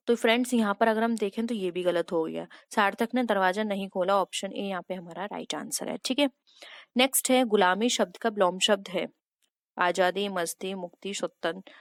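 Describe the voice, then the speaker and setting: A woman's voice: mid-range voice, dry recording, studio quality. Woman teacher explaining quiz answers. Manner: explains answers step by step, addresses viewers as friends. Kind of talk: exam prep lesson.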